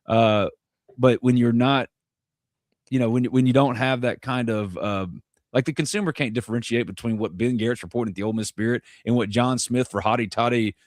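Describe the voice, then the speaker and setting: Speaking fairly quickly in a mid-range voice, a North Mississippi man hosts a casual live sports podcast full of jokes, tangents and self-deprecation. The recording is dry and of studio quality.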